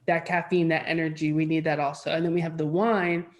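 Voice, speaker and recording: A young adult woman co-hosting a podcast in casual, animated chat, often gushing and slipping into playful voices. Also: sits low, a little fast. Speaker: podcast co-host.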